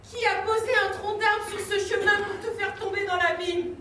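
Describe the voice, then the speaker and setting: A woman's voice: very high voice, steady tone, moderate pace, bright, forceful tone. An amateur actress playing a middle-aged mother, grieving and frightened, who scorns her son on a stage. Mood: mournful. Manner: scornful outbursts and frightened pleading. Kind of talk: live stage play. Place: theatre stage. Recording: echoey room from far off, faint noise.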